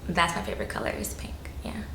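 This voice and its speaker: A woman's voice: quick pace, fairly bright tone, roomy sound, whispered. A woman from South Florida, chatting loosely as an interview guest, full of fillers and casual swearing.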